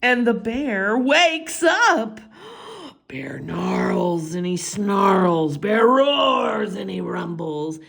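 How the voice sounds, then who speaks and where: Slow, very animated woman reading storybooks. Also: mid-range voice, gravelly, husky. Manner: theatrical, with whispered asides and stretched refrains. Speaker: children's story time reader. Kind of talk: animated picture-book read-aloud.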